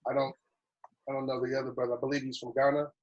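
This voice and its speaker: A man's voice: mid-range voice, level tone, very fast, darkish tone, dull audio. A man hosting an online lodge meeting, talking casually and often answering with "copy that" in a radio style.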